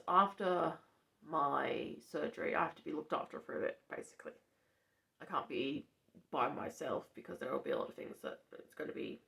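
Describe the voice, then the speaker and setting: A young vlogger with a deep voice that's gravelly and hoarse from allergies chats in a matter-of-fact way, filming a casual vlog from her farmhouse bedroom.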